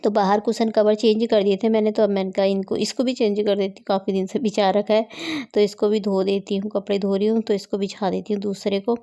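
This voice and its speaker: A woman's voice: medium pitch, little pitch movement, brisk, hardly any pauses, dark tone. A woman in her thirties chatting casually through a home vlog, rambling and laughing often as she goes. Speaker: vlogger. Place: home, rooms and rooftop.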